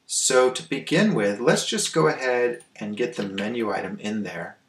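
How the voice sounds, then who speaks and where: A man hosting a programming screencast, thinking aloud in a relaxed way with frequent ums and restarts. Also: medium pitch, normal speed, echoey room, slight background noise. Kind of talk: casual coding walkthrough.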